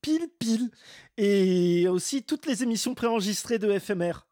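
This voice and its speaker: A man's voice: high-pitched, moderate pace, darkish tone, no echo, studio quality. A man presenting a semi-scripted radio chronicle with a wry, tongue-in-cheek manner.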